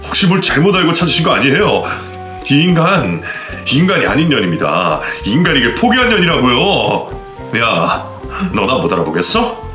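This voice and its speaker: A man plays an enraged young son whose voice jumps up and down as he yells. His tone is bright and forceful. The echoey room carries a faint music bed. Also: fairly low pitch, lively intonation, fairly quick. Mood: furious. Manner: shouting, accusing. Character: furious young adult son, shouting accusations. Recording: roomy echo, faint background music.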